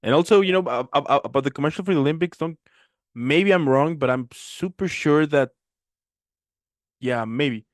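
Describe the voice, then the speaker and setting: A man's voice: fairly high pitch, expressive, moderate pace, long pauses, no room sound, clean studio sound. A man hosting a casual chat show, laid-back and agreeable, with a slangy way of talking. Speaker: host.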